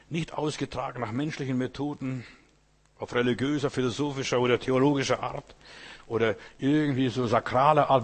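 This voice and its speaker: Husky preacher man, emphatic sermon. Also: medium pitch. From Asia. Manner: repetitive, emphatic preaching with rhetorical questions to the listener.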